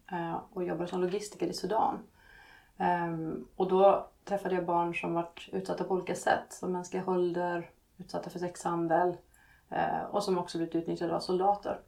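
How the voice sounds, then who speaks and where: Low, gravelly-voiced hesitant woman. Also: a little mellow. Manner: hesitant, many fillers. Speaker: author and guest. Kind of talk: podcast interview answers.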